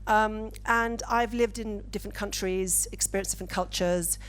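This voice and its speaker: A woman from the UK speaking as a panelist, measured and deliberate, on a conference stage with a handheld mic. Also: mid-range voice, fairly even intonation. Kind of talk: panel discussion.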